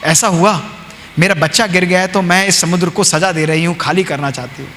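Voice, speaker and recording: A man's voice: high-pitched, a little fast, sharp tone. A man voicing a small, determined mother bird who speaks fiercely and insistently, heard in a reverberant hall. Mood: explaining. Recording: reverberant hall with faint hiss.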